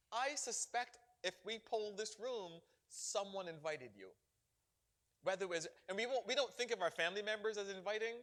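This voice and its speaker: A middle-aged Barbadian bishop fields questions at a parish gathering, speaking with animated, preacherly emphasis and laughing often. His voice sits high.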